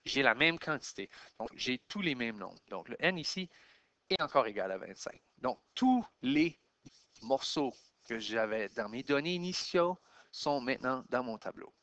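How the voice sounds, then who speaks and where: A man with a Québécois French accent teaching a math lesson, counting out loud step by step as he writes. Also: mid-range voice, lively intonation, normal speed, dry recording.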